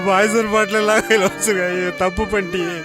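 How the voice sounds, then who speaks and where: An actor playing an adult husband back from work abroad, shouting threats in fury and then wailing in grief, in a film. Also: male voice, high-pitched, level tone, fast talker, lightly acted. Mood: grieving. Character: enraged grieving husband, adult man. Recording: film soundtrack with loud music.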